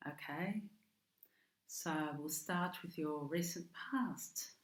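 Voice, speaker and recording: Speaking slowly in a fairly low voice, an Australian-accented tarot reader works through a casual monthly reading. She hesitates, ums and restarts often, and the room is echoey.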